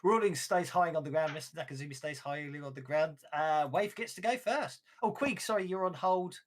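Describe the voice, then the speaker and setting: Male game master, lightly higher voice, chatty and loose. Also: fairly quick. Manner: chatty, frequent restarts and laughs. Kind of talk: running a tabletop game.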